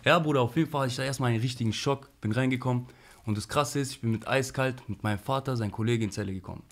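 A man's voice: mid-range voice, rapid-fire. A young man casually telling stories from his past in heavy street slang, with many "bro" and "you know" tags. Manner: animated, slangy, frequent "Bruder" and "weißt du". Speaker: interview guest.

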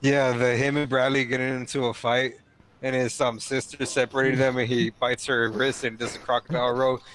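A man's voice: medium pitch, flat delivery, brisk, fairly bright tone, slight background noise. Man laughing so hard he has hiccups. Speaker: gaming video co-star. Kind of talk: casual chat between friends.

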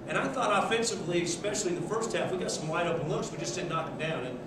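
Seated at a press table after a game, a middle-aged basketball coach with a high-pitched voice answers reporters in a steady, measured way, often repeating words as he thinks. The postgame press conference is captured by a distant table mic in an echoey, noisy room.

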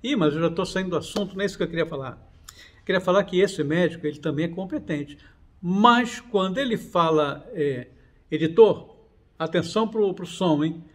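A man, talking casually to his viewers, animated and digressive, full of restarts and fillers. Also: high-pitched, brisk. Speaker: channel host. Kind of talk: casual talk to camera.

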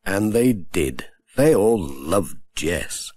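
Male storybook reader, slow and gentle, a little husky, with a lively, sing-song delivery. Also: low-pitched, no echo. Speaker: audiobook narrator. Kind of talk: children's storybook reading.

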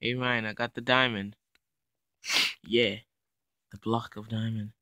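Slow, bright-voiced man narrating gameplay. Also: fairly low pitch, flat delivery, no echo. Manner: playful, narrates his own actions. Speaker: gaming YouTuber. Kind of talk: casual gameplay commentary.

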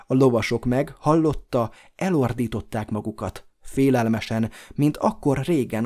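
A man's voice: medium pitch, warm tone. Man reading a dramatic audiobook. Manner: measured, dramatic storytelling delivery. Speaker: audiobook narrator. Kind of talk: scripted narration.

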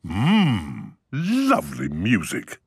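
A man's voice: mid-range voice, wildly swooping pitch, drawn-out words, gravelly, heavily acted. A British man voicing a jolly, contented cartoon father pig, savouring things with a satisfied mmm. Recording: music behind the voice.

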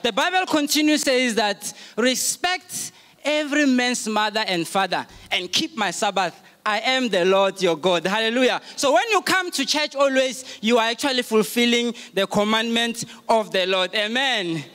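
Very high-voiced man hosting a church service. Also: moderate pace, clear, resonant tone. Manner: excited, rising to a sung welcome. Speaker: service host introducing the preacher.

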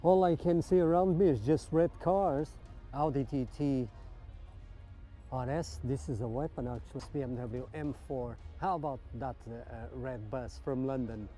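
A man's voice: medium pitch, moderate pace, warm tone, faint music behind. A man giving casual, enthusiastic walkaround commentary in an outdoor car park, admiring things and asking his viewers questions. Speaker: vlogger touring a car meet.

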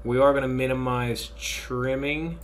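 A man walks through a machining software tutorial in an easygoing, unhurried voice of middle pitch. He thinks aloud, pauses with fillers and talks to his students like an instructor. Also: fairly even intonation, a little hiss or hum. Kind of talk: software tutorial screen recording.

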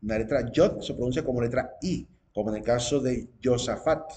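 A man leads an informal religious lesson. He talks at an ordinary medium pitch and works through each point patiently. Fillers and quick tag questions come up often. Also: mellow, a little hiss or hum. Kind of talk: informal teaching talk to viewers.

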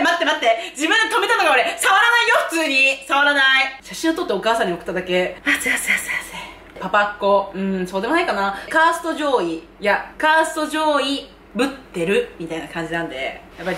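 A woman of twenty-four chatting casually as a YouTube host, reacting to viewer comments in an animated, giggly, self-mocking way, recorded on a camera mic. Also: medium pitch, fast talker, echoey room, slight background noise.

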